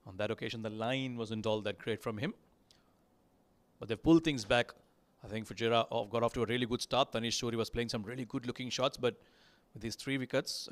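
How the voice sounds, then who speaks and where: A man from Sri Lanka with a Sri Lankan accent, giving lively live cricket commentary that rises on big moments. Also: medium pitch.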